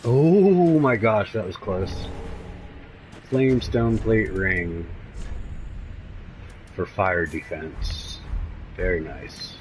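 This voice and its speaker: Excitable man commentating a game. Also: deep voice, extremely slow, long pauses, slight background noise. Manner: excitable, reacts out loud to the game. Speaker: gameplay commentator. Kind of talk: let's play commentary.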